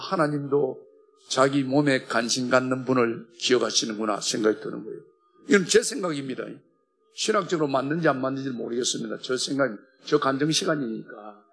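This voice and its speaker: A man with a Gyeongsang accent, a church elder giving an emotional testimony in a worship hall, passionate and swinging from loud to hushed. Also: mid-range voice, vocal fry, breathy edge. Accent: Gyeongsang Korean.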